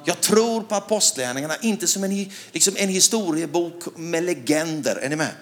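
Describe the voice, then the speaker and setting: A middle-aged Swedish man preaching a sermon, telling a personal story with animated delivery, rising to loud shouts and asking the crowd questions. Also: a little high.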